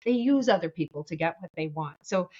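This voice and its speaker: A woman's voice: lowish voice, animated, fairly quick, darkish tone. A woman guest in a casual interview chat, speaking earnestly and reflectively over a video call with slightly dull audio.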